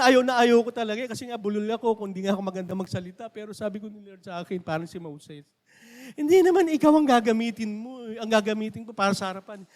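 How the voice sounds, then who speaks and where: Filipino pastor guy preaching, kinda high voice, asks the church questions a lot, big hall echo. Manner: preaching with rising and falling emphasis, asking the congregation questions. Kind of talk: sermon.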